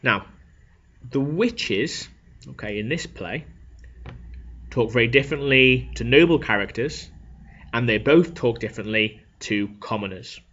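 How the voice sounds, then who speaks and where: A man's voice: mid-range voice, expressive, measured pace, pauses often, a bit bright. A male teacher, explaining a lesson step by step and often checking in with "okay?". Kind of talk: classroom lecture on Shakespeare. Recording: dull lo-fi recording.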